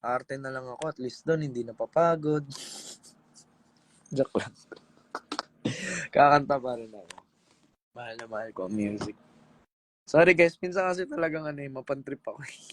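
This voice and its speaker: A man's voice: medium pitch, normal speed, long pauses, slight background noise, poor audio. A man on a casual live stream, tired from singing and joking playfully with his viewers. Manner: sings pop songs, then chats playfully with viewers. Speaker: singer doing an Instagram live.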